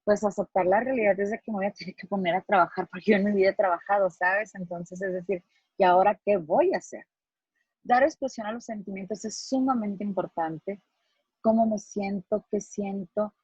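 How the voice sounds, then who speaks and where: A woman's voice: medium pitch, a little fast, breathy edge, no room sound, lo-fi sound. A middle-aged woman from Mexico, a psychologist, giving an earnest, explanatory lecture to students and acting out the phrases she quotes.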